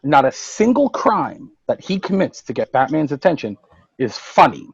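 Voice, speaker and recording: A man co-hosting a casual roundtable podcast, retelling comic book plots in animated detail. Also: fairly high pitch, moderate pace, gravelly, husky, dry recording, dull audio. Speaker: podcast co-host.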